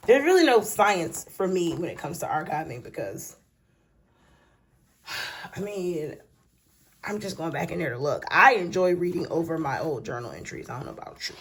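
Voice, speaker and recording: A woman's voice: fairly low pitch, big pitch swings, measured pace, long pauses, slightly rough. Drowsy, chatty woman vlogger. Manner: chatty, folksy, addresses viewers as y'all and child. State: sleepy, yawning. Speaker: planner vlogger. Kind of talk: casual late-night planner walkthrough. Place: at home.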